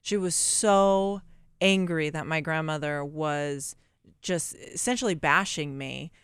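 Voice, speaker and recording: A woman's voice: low-pitched, takes it slowly, clean tone, dry recording. A woman in her thirties, a radio guest telling a family story with emphatic repetition. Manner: emphatic, repeats herself. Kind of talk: radio interview, personal story.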